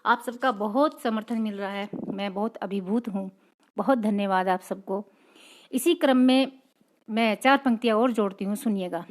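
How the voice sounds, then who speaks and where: A woman's voice: mid-range voice, moderate pace. A woman poet hosting her own live reading, greeting viewers one by one and reading out their comments in a polite, respectful manner.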